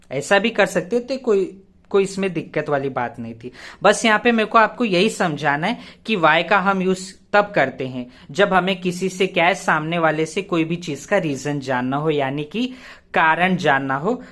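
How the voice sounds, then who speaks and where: A man's voice: sits high, fairly bright tone. Sex: man. Role: grammar teacher. Style: casual explanatory lesson. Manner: keeps checking in with the viewer and asks himself rhetorical questions; spells English words out letter by letter. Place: teaching at a board he writes on.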